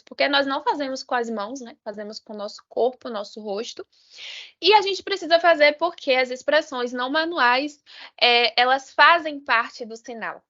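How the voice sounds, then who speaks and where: A woman with a Brazilian Portuguese accent teaching a live online sign language class, explaining patiently and tagging her points with "né?" and quick self-corrections. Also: sits high, sharp tone. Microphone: video call. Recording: dull lo-fi video call audio.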